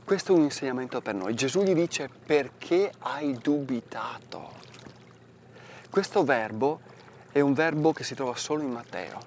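A man's voice: medium pitch, slight background noise. A man, a parish priest, explaining a gospel passage outdoors by a lake, asking and answering his own questions. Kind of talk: gospel commentary for television.

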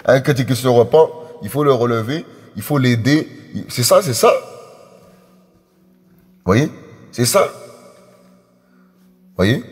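A man's voice: medium pitch, lively intonation, slow pace, long pauses, breathy edge. A man preaching a sermon in an emphatic, repetitive way, often calling out to his congregation as friends. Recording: echoey hall with faint music.

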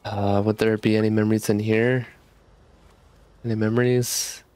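A man's voice: fairly low pitch, little pitch movement, normal speed, darkish tone, smooth, dry recording. A man commentating on his game playthrough, nervous and anxious, repeating himself as he goes. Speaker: gamer, channel host. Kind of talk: let's play commentary. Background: game music.

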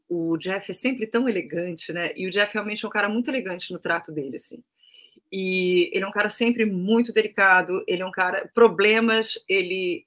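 A woman's voice: fairly low pitch, fairly bright tone. A woman with a Brazilian Portuguese accent, an opera-trained singer, telling anecdotes in a casual interview and acting out the voices of the people she quotes.

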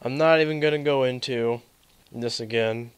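A young man giving live let's play commentary, sarcastic and rambling, reacting loudly to glitches. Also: mid-range voice, moderate pace, a crowd in the background. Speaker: gaming commentator.

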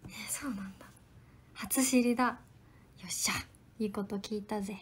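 A young woman, an idol trainee, chatting politely on a livestream and answering viewer comments, often dropping into soft whispered asides. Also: mid-range voice, fairly even intonation, moderate pace, slight background noise.

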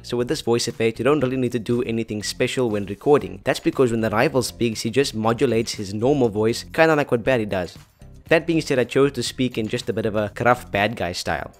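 Addressing viewers straight to camera, a young male tutorial host delivers scripted narration in a playful, chatty style over background music, his mid-range voice running a little fast.

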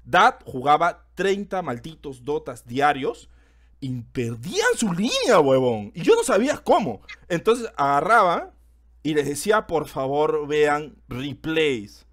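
Loud excitable man streaming. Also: on the high side, a little slow. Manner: loud, excitable, swears often. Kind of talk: casual stream chat.

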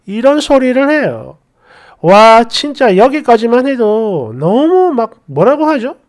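Narrator, woman, high and lively, tells a story in an exasperated confiding tone. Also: slow pace. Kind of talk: first-person story narration.

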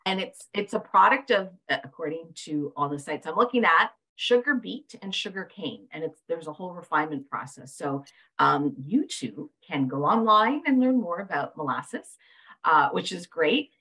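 A woman's voice: on the low side, expressive, moderate pace, pushed and bright, husky, rough recording. A woman moderating a webinar over a video call, reading viewer questions in a bubbly, chatty way. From Canada. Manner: bubbly, fillers and restarts. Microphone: video call webcam.

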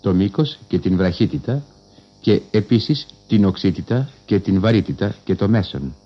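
A man with a very deep voice gives a formal scholarly talk over the radio, choosing each word with measured, precise care. His phrasing is learned and old-fashioned. The sound is dull and lo-fi, like a 1960s broadcast archive. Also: animated. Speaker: radio lecturer.

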